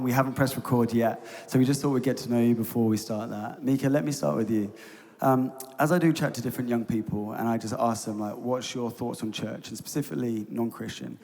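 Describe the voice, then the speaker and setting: On stage in a large concert hall, a man who leads youth ministry delivers a preacherly conference talk that climbs to emphatic peaks before he moves on to hosting a panel. His voice is mellow and medium-pitched, carried by the long reverb of the hall.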